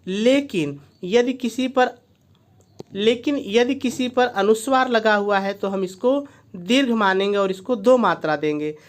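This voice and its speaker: A man's voice: high-pitched, unhurried. A male teacher giving a video lesson, who asks himself why and then answers, repeating each key point. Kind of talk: classroom-style video lesson.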